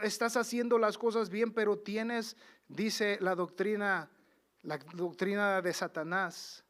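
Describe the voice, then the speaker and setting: A male preacher delivers a fervent sermon in a fairly high voice. He stretches quoted scripture out slowly, swelling to loud declarations and then sinking to soft, low asides. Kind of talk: Pentecostal sermon.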